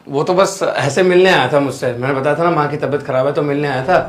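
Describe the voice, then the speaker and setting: A man playing a worried son and husband who keeps apologising and trying to calm others down. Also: fairly high pitch, fast, soft background music, natural voice. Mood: placating. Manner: apologetic, placating. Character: worried grown son and husband, eager to please. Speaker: actor in a web drama. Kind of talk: dramatic dialogue.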